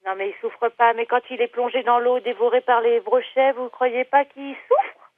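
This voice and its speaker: A woman's voice: on the high side, steady tone, normal speed, no echo. A woman from an animal shelter on the phone, indignant and insistent. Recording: tinny phone line.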